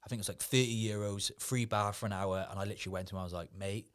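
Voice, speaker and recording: A man's voice: lowish voice, steady tone, racing. A man as a podcast guest, telling rowdy stories in a laddish, casual way, swearing freely and laughing along. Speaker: podcast guest, former Ibiza events worker. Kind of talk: casual storytelling chat.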